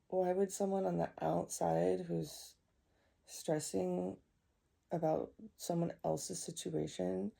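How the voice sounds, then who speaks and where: A young woman venting to camera about her struggles, upset and halting, often repeating herself. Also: sits low, vocal fry, dark tone, slightly rough. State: distressed. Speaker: vlogger. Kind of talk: emotional personal vent.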